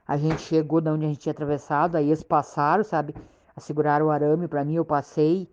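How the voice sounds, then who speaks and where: A woman with a Southern Brazilian accent from Rio Grande do Sul, telling a frightening personal story in a halting, repetitive way, often checking in with her listener. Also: low-pitched, flat delivery, a little mellow, a little hiss or hum. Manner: halting, repetitive, keeps asking "sabe?". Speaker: storyteller recounting a frightening experience. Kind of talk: casual spoken personal account. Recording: dull lo-fi recording.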